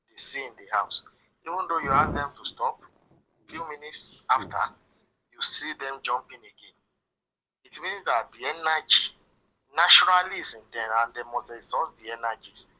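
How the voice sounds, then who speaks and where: Man in a sharp-toned voice note. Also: mid-range voice, poor audio. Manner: measured, moralizing, lecturing. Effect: voice note played back in the studio. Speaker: listener sending in a voice note. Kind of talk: advice monologue.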